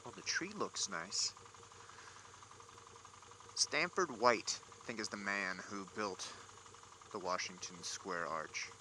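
Low-voiced man talking inside a motorcycle helmet. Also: big pitch swings, slow pace, long pauses, pushed and bright, poor audio. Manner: wry, grumbling asides at traffic. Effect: voice enclosed inside a motorcycle helmet. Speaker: motovlogger. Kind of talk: casual chat, muttering to himself while riding. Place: riding a motorcycle outdoors on city streets at night. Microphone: small mic inside helmet, recorder. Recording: engine and traffic noise, helmet-mounted mic.

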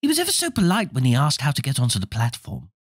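A woman's voice: very deep voice, huge pitch swings, fast, husky, no room sound, clean studio sound, pitched above the performer's own voice, exaggerated voice. A man reading a storybook aloud, voicing a fussing, stern mother in a raised, shifted voice.

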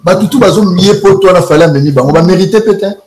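A man's voice: sits high, fast talker, a little mellow. A man in a heated debate, rambling as he mixes French and Lingala phrases. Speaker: guest.

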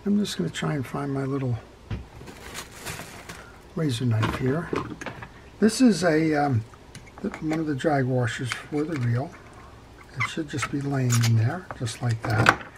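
A middle-aged man with an ordinary mid-range voice talks through a repair tutorial in a calm, practical way, pausing on fillers while his hands are busy. Clear clicks and clatter of small tools and parts run under his voice at the workbench. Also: medium pitch, noisy background. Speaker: fishing reel repair instructor. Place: workshop bench.

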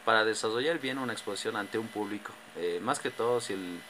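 A man's voice: lowish voice, brisk, background noise. A man giving a class presentation on public speaking, speaking hesitantly with frequent fillers and restarts. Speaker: student presenter.

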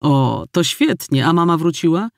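A man reading an audiobook, voicing a brisk, no-nonsense older grandmother on the phone. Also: on the high side, very animated, creaky, no echo, clean studio sound, voice pushed up.

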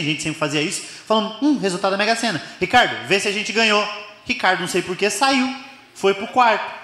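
A man's voice: high voice, a bit bright. A man with a Brazilian accent doing live stand-up, telling a story and acting it out with animation. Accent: Brazilian Portuguese. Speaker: stand-up comedian. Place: stage before an audience. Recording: echoey live venue with noise.

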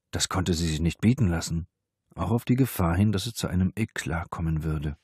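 A man narrating a thriller audiobook in a steady, measured read. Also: deep voice, slightly rough, no room sound, clean studio sound. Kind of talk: scripted narration.

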